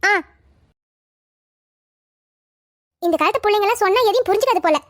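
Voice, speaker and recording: A woman's voice: extremely high pitch, animated, racing, no echo, clean studio sound. A bossy cartoon mother-in-law. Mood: dismissive. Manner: scolding, dismissive, talks over others. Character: bossy older mother-in-law, sharp-tongued and stubborn. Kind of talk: cartoon family drama voicing.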